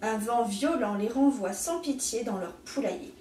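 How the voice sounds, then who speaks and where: Expressive woman teacher reading a storybook. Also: on the high side, moderate pace, roomy sound, far from the mic, slight background noise. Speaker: teacher reading a picture book. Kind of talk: storybook read-aloud.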